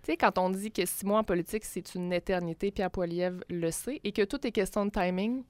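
A woman explaining politics in a measured radio discussion, with frequent hesitations. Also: medium pitch, dry recording. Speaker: political commentator.

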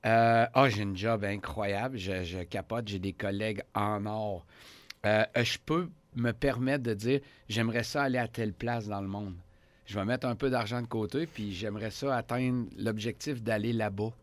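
A man's voice: on the low side, moderate pace, dry recording. A man in his fifties with a Québécois French accent, a show host talking casually and with emphasis in a radio studio. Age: 50s. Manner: animated, emphatic, jokey. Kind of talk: casual talk show chat.

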